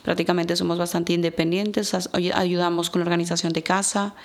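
A woman in her thirties with an Ecuadorian Spanish accent, a radio guest telling her story in a slow, reflective way. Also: lowish voice, level tone. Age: 30s. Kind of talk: personal testimony in a radio interview.

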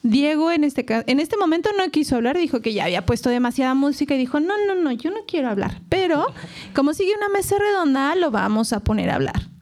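High-voiced chatty Mexican woman. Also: very animated, fast talker, darkish tone. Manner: playful, laughing, acts out quotes. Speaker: host. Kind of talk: casual round-table chat.

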